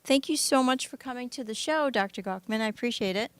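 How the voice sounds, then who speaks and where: A woman's voice: fairly high pitch, quick pace. A woman hosting a health talk show, asking a guest friendly, curious questions. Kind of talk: interviewing a guest.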